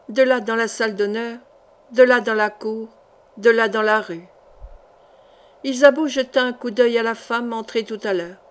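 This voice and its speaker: A woman reading a historical adventure novel aloud in a steady, measured narration. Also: fairly high pitch. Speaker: audiobook reader.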